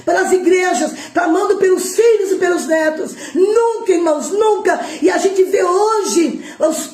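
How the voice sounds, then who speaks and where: A middle-aged Brazilian woman preaching an emotional Pentecostal sermon, impassioned, shouting and tearful at times. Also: extremely high pitch, roomy sound. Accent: Brazilian Portuguese.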